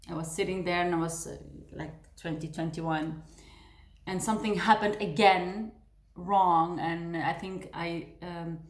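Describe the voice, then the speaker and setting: A woman vlogger telling a personal story to the camera in an earnest, confiding way, often restarting her sentences. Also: on the low side. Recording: roomy echo.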